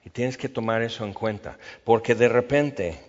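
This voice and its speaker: Male preacher, measured teaching sermon, average pitch, recorded with long reverb and muffled highs. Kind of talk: expository Bible sermon. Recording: long reverb, dull lo-fi sound.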